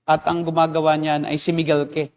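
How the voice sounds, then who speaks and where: A man's voice: fairly high pitch, monotone, fairly quick, darkish tone. A man, a pastor, explaining at length in a casual discussion and acting out quoted remarks. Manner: explanatory, lecturing, acts out quotes.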